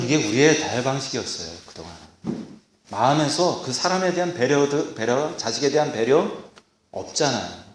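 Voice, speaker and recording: A man preaching a sermon to a congregation, animated, acting out scolding parents in a raised voice. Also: mid-range voice. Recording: echoey hall.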